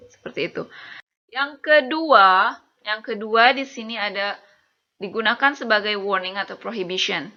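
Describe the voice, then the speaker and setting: Woman, bright voice; patient grammar teacher, stretches out example phrases; muffled lo-fi voice-over. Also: medium pitch. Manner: slow, deliberate example sentences; checks understanding with the listener. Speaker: English teacher. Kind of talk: explaining grammar lesson.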